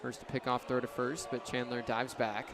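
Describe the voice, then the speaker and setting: Crowd sounds and outdoor ambience fill this live sports commentary as a young adult man calls a baseball game on radio from an open-air ballpark. He speaks in clipped, descriptive phrases with a medium pitch, flat delivery and moderate pace.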